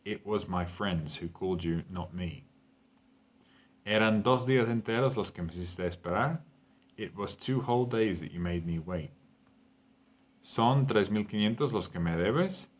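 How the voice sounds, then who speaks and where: Patient male teacher, low voice. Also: normal speed. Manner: clear, patient explaining with frequent "okay?" and "right?" checks. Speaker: English teacher. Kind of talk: online grammar lesson for Spanish speakers.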